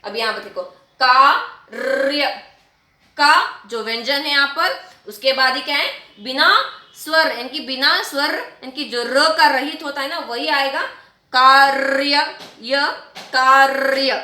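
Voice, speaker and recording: Woman, teacher, high voice, stretches words out to demonstrate, echoey room. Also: bright, forceful tone. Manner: repetitive, drawn-out word demonstrations, addresses children often. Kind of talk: classroom lesson explaining writing to children.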